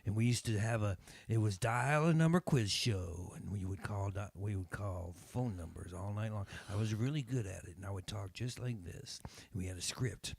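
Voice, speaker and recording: A man's voice: on the low side, moderate pace, vocal fry, darkish tone, slightly rough. A man hosting a casual radio show, telling long stories with many restarts. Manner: rambling storyteller, repeats words. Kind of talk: casual chat.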